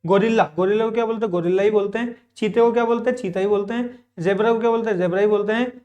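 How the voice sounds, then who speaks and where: A man's voice: high voice, fairly even intonation, racing, darkish tone. A male teacher giving a classroom vocabulary lesson. He asks his own questions, answers them in a repetitive drill and explains patiently with frequent check-ins. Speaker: English teacher.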